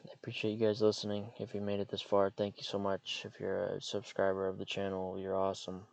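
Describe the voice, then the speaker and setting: A young adult man hosting a solo podcast from a parked car, rambling and hesitant with many fillers, speaking in a monotone. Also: low voice, quick pace, creaky, no echo, poor audio. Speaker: podcast host. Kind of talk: casual solo podcast monologue. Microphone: computer mic.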